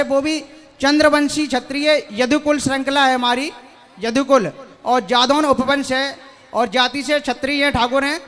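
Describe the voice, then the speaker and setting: A man's voice: very high voice, a bit bright. A young man in an audience, asking a spiritual teacher long, earnest and deferential questions. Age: young adult. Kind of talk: devotional question and answer.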